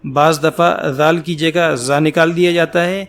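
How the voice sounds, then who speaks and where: Patient male Quran teacher, drawn-out letters. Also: fairly high pitch, steady tone. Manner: slow, drawn-out letter recitation; patient explaining between letters. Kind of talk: Quran letter pronunciation lesson.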